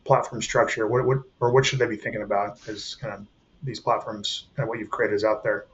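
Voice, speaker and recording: A man's voice: fairly low pitch, fairly even intonation, brisk, highs cut off. A man hosting a podcast interview, asking curious questions. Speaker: podcast host.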